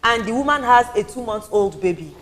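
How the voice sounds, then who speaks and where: Woman, Nigerian accent, women's advocate, earnest, lecturing, slightly high voice. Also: expressive, brisk, fairly bright tone. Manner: earnest, lecturing, repeats points for emphasis. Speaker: women's advocate, panel guest. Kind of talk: studio talk show discussion.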